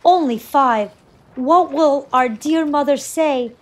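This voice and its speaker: A woman's voice: sits high, takes it slowly, pitched above the performer's own voice. A woman voicing foolish fisherman brothers who lament and fret as they count themselves in a storybook. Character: worried foolish fisherman brothers, adult men.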